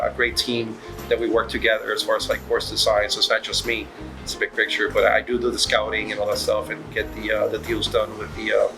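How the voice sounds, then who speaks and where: Low-voiced man from Puerto Rico, rambling. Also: rough recording. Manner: rambling, many fillers and restarts. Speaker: restaurant managing partner. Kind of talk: casual interview. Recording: music playing underneath.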